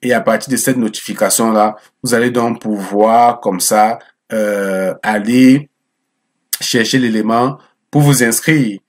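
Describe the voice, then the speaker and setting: An immigration advice YouTuber, a man with a lowish, unhurried voice, guides viewers through a job application site in a chatty screen-share tutorial. He repeats words often, calls his viewers friends, and keeps checking in with a frequent "ok?"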